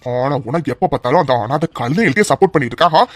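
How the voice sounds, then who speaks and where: A man voicing a harsh, angry middle-aged father in a cartoon, shouting insults. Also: fairly high pitch, racing, no room sound, close to an everyday voice. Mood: furious.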